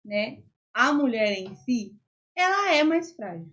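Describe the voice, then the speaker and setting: A woman's voice: a little high, very animated, takes it slowly, fairly bright tone. A young Brazilian woman, a podcast guest, earnestly explaining her faith views in casual talk, with many fillers. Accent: Brazilian Portuguese. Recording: dull lo-fi audio.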